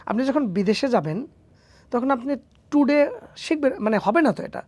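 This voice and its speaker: A man's voice: extremely high pitch, expressive, normal speed, darkish tone, dry recording. A man, a phonetics teacher answering interview questions emphatically with rhetorical questions. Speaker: English phonetics teacher, guest.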